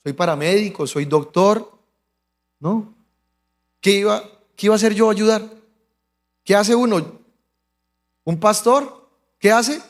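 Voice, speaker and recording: A man's voice: high voice, slow pace, pauses often. A male pastor with a Colombian accent, telling a personal story in a sermon, acting out the voices of the people in it. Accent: Colombian Spanish. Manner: animated storytelling, acts out quoted voices. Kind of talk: sermon testimony. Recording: long hall reverb.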